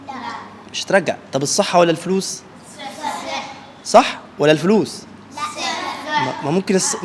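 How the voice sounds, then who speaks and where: Brief: fast-talking Egyptian woman, children's religious teacher, quizzes the class and echoes answers, faint room noise. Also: deep voice, a little mellow. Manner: asks questions and repeats the answers back. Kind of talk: call-and-response classroom lesson.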